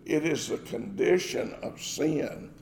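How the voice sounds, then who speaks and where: A man's voice: on the high side, animated, slow pace, vocal fry, darkish tone, big-room sound, a little hiss or hum. A man preaching a sermon as pastor, emphatic, asking rhetorical questions.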